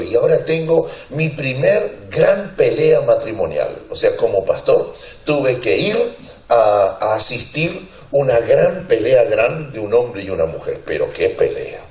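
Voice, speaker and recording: A man's voice: medium pitch, sing-song, a little slow, darkish tone. A man preaching a sermon as a pastor, telling a funny story with lots of laughter and acted-out voices. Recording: roomy church hall, distant mic, congregation audible.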